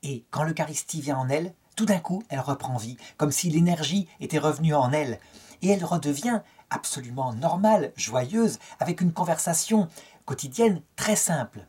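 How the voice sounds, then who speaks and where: A man's voice: a little high, animated, normal speed, dark tone, breathy edge. A middle-aged French man giving a spoken lecture on a saint's life, telling it as a story and lifting his tone to quote the people in it. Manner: storytelling, quotes dialogue with lifted tone.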